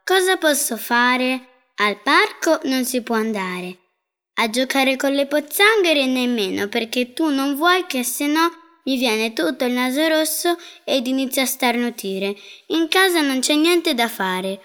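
A woman's voice: high voice, lively intonation, unhurried, fairly bright tone, clean tone, voice pushed up. A woman voicing a bored little girl who whines and pleads, in a storybook reading with music behind. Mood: whiny. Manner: whiny, pleading.

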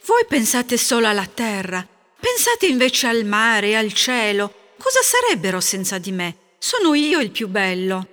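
A woman's voice: a little high, huge pitch swings, measured pace, a bit bright, full character voice. A raised, lilting voice plays the haughty color blue in a storybook tale, dismissing the others, as a woman puts it on. It sounds far off in a hall with a long echo.

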